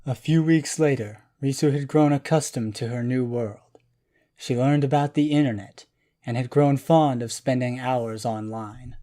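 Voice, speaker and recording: A man narrating a children's storybook in a calm, even voice. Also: mid-range voice, moderate pace.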